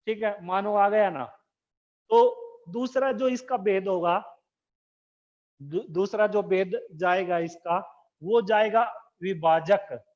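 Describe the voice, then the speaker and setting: Male schoolteacher, unhurried dictation, repeats key terms, lo-fi classroom recording. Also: high voice, a little mellow. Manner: slow, repetitive dictation; asks questions to the class. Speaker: school teacher. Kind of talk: recorded Hindi grammar lesson. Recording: dull lo-fi recording.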